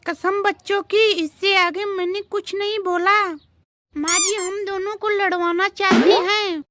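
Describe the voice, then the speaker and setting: A woman's voice: very high-pitched, fairly even intonation, measured pace. A woman voicing a lazy, cheeky young daughter-in-law in a homemade comedy skit, talking back sassily. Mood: sassy. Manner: sassy, talks back. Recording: noisy home recording.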